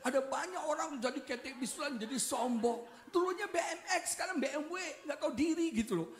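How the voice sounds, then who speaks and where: A man's voice: very high-pitched, a little fast. A man preaching a revival sermon as pastor, telling stories with jokes and calling out to his listeners. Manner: animated storytelling, joking, often addresses listeners as "saudara". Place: church hall. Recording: echoey church hall.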